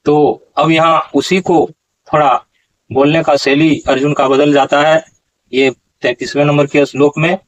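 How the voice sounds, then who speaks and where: A man teaching how to pronounce a Gita verse. He talks slowly, asks questions and corrects recitations. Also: a little high, level tone, rough recording. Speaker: Sanskrit pronunciation teacher.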